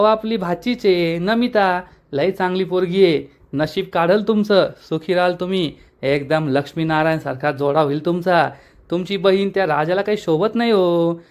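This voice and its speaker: A man narrating a recap of a TV serial episode, reading out the characters' lines as he retells the story. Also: high voice.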